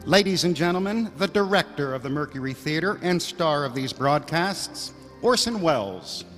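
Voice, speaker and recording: A man's voice: on the high side, animated, normal speed, a bit bright, faint music behind. A man playing a courteous, formal program announcer in a 1930s-style radio drama. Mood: formal, showy. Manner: formal, presentational. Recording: reverberant theater hall.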